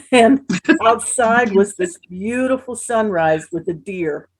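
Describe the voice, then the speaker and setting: A woman's voice: medium pitch, animated, slow pace. A woman co-hosting a podcast, sharing a personal story in a casual, hesitant way while she searches for words. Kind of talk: casual chat.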